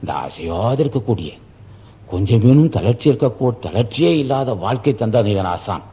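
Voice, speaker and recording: A man delivers an emphatic spiritual sermon, hammering home repeated phrases and posing rhetorical questions. His voice is dark and husky, and the old tape recording sounds dull and muffled. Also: medium pitch, lively intonation, moderate pace. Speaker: spiritual teacher.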